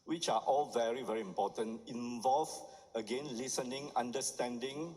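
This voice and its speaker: Middle-aged male doctor, lecturing to a conference crowd, mid-pitched voice, long hall echo. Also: moderate pace, warm tone. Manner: checks with the audience with "huh?" and "right?".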